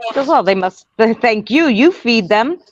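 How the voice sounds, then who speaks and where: This Queens, New York woman, a guest who speaks with spirits, has a fairly high, expressive voice and a moderate pace. She chats loosely, rambling through anecdotes and quoted exchanges in her local accent. The audio is close, dull and lo-fi with no room sound.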